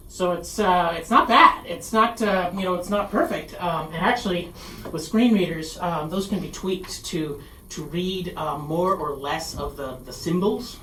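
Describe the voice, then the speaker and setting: A presenter giving a casual conference presentation, halting and self-deprecating, recorded in a presentation room. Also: medium pitch, sharp tone. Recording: echoey room, distant mic, faint noise.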